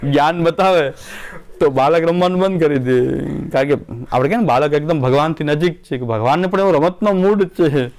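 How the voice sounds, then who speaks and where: A middle-aged man gives a devotional discourse in a fairly high voice. He tells homely stories, acts out the voices in them and laughs often. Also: normal speed, a little mellow. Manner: folksy storytelling, acts out dialogue, laughs often. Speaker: devotional speaker.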